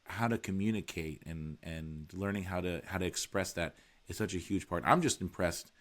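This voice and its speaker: Podcast host guy, really low voice, talks thoughtfully. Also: moderate pace. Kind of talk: casual conversation.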